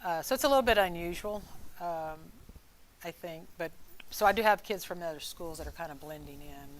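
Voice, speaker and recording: A woman's voice: lowish voice, a little fast, slight background noise. A woman from Louisiana, a teacher, talking easygoing and hesitant as an interview guest. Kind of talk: casual interview. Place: school campus room.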